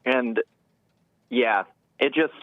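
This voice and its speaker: A man's voice: mid-range voice, very slow, no room sound. Hesitant male radio caller on a phone line. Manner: hesitant, rambling. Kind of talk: casual phone-in chat. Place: phone call to a radio show. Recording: thin band-limited phone line.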